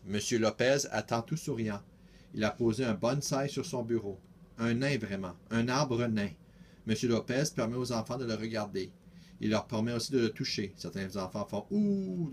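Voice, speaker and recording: Teen boy reading a kids book out loud, careful and steady, mid voice, faint hiss. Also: mid-range voice, moderate pace. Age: teenager. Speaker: student reader. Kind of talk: reading a children's picture book aloud.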